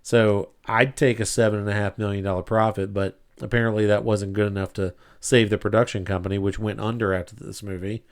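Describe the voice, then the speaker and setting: A man co-hosting a casual podcast, reading reviews aloud in a dry, wry way and clearing his throat often. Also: fairly low pitch, little pitch movement, brisk, hardly any pauses. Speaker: podcast co-host.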